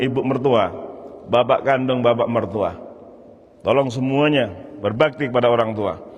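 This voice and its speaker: Man preaching with long mosque reverb. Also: mid-range voice. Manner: vivid, acts out the voices in his stories. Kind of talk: dawn mosque sermon with storytelling. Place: large mosque.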